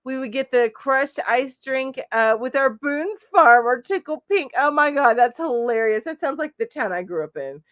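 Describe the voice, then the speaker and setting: A woman's voice: sits high, animated, normal speed, few pauses, fairly bright tone, no echo, clean studio sound. A middle-aged woman hosting a live chat stream from home, casually reading out viewer comments and responding with lots of fillers. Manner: chatty, reads comments aloud with frequent fillers. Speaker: crochet channel host.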